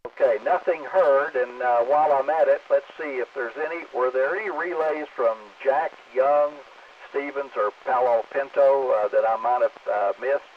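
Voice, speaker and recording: A man's voice: medium pitch, normal speed. A man with an easygoing manner and many fillers, running a ham radio net heard as a radio transmission with static. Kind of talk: amateur radio net check-ins. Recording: distant, phone-like radio with faint static.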